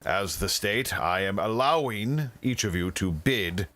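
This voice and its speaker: Bright, expressive game master, a man with a slow, theatrical delivery. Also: on the low side. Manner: theatrical, measured and quick to laugh. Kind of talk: narrating a tabletop game.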